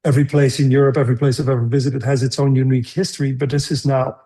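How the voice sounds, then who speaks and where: A middle-aged man from the Netherlands speaks as an interview guest. His dark voice carries a gravelly edge of fry. He muses over his answers and stops and restarts his sentences often. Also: medium pitch, level tone. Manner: thoughtful, halting with many restarts. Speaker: screenwriter guest. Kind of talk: conversational interview.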